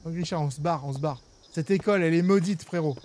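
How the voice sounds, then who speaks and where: A man's voice: on the high side, fast, a little mellow, slight background noise. A man casually commentating a game, reading out text and talking slangily to the characters. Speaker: horror game streamer.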